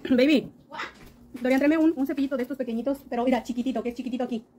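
Woman makeup vlogger, quick chatty delivery, faint noise behind. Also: a little high, fairly even intonation, rough recording. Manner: chatty, addresses viewers warmly with diminutives. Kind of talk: casual makeup tutorial.

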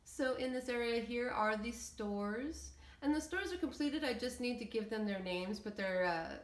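In an echoey room, a woman who makes videos of game settlement builds gives a rambling, casual, hesitant walkthrough. She speaks at a moderate pace in a voice on the high side.

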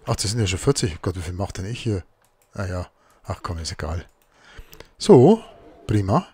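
Let's play host, husky low voice, chatty self-talk, keyboard clicks behind. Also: male voice, fairly quick, no room sound. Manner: muttering to himself while crafting. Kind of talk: casual gameplay commentary.

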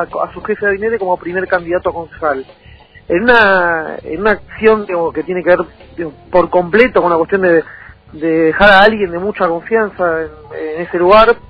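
Over tinny, narrow audio comes the high-pitched voice of a man in his thirties with a Rioplatense Argentine accent. He's a political candidate answering questions conversationally in a radio interview, frequently repeating words as he speaks.

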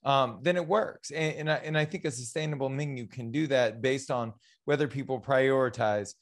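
Male host in his 30s, mid-range voice, friendly and quick, home studio boom mic. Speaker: town hall host. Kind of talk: casual interview. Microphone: boom microphone on video call.

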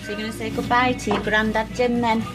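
An actress playing a brisk, plain-speaking daughter-in-law in a TV soap, with a Northern English accent. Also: female voice, fairly high pitch, little pitch movement, over music, lightly acted. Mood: chirpy. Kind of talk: naturalistic TV soap acting.

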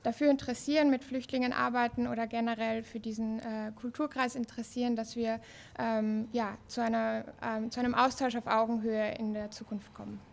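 A woman introducing her project fluently and steadily, speaking into a handheld microphone in a bright meeting room. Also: on the high side, little pitch movement, a little fast, gravelly. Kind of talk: workshop self-introduction. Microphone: handheld mic.

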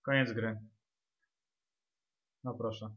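A man's voice: fairly low pitch, level tone, slow pace, dull audio. A man giving casual, muttered, sweary gameplay commentary. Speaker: gamer. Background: game music.

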